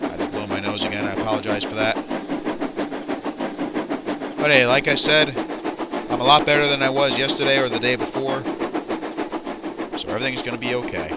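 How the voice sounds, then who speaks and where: A man's voice: medium pitch, a little fast, pauses often. A man giving easygoing, rambling commentary on a train game. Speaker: gameplay commentator. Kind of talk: casual gameplay commentary. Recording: loud game noise behind.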